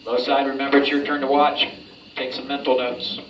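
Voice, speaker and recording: A man instructs a group through drills in a directive, informal manner. His mid-pitched voice comes from well off the mic in an echoey space, with clear noise around him. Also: little pitch movement, a little fast, fairly bright tone, dull audio. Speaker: military-style hypoxia training instructor. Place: enclosed training chamber. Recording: roomy, distant mic, clear background noise.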